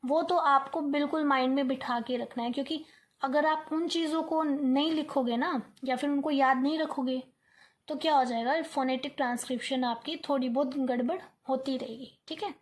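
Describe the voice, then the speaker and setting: A woman's voice: high-pitched, steady tone, normal speed. A young woman teaching an online lesson, coaxing her students, repeating words aloud to drill the sounds and checking in often. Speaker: English teacher.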